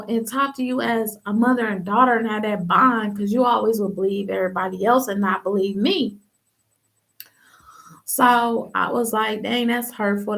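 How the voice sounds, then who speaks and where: A young woman from Ohio shares her personal testimony on a livestream, speaking candidly in loose everyday slang. Her voice has a gravelly fry, and her pitch sits in an ordinary middle range. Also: fairly bright tone. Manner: casual, candid storytelling with slang and many fillers. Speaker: podcast host telling her testimony.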